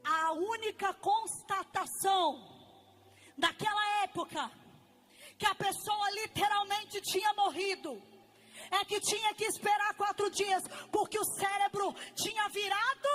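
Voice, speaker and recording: A woman's voice: very high voice, fairly bright tone. A woman preacher with a Brazilian Portuguese accent giving an impassioned sermon and repeating key phrases.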